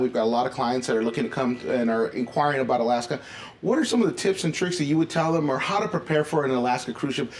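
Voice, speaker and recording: A man doing a casual interview in an enthusiastic, upbeat way. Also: a little high. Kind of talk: casual vlog-style interview. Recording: noisy with ambient background sound.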